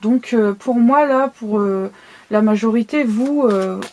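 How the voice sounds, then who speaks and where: A woman talks with a lisp from her new braces in a fairly high, very mellow voice. She reads tarot cards casually, explaining as she goes and checking that you follow. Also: slow pace, slight background noise. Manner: conversational, explanatory, often checks listener follows. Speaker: tarot card reader. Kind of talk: casual monthly tarot reading to viewers.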